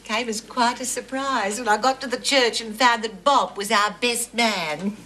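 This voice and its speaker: An actress playing a giggly, coy middle-aged housewife. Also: female voice, fairly high pitch, measured pace, sharp tone. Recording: noisy sitcom audio.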